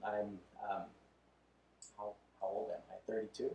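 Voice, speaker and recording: This podcast guest, a man in his thirties, speaks candidly in a casual interview and chuckles as he gathers his thoughts. His lowish voice holds a level tone and runs a little slow. The dull audio has crowd noise, roomy echo, and a distant mic.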